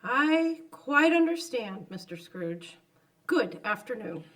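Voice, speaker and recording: A woman's voice: a little high, big pitch swings, slow pace, a bit bright, distant mic, full character voice. A woman playing a polite, earnest genteel lady raising funds, speaking formally in old-time radio drama style. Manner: courteous, formal, persistent.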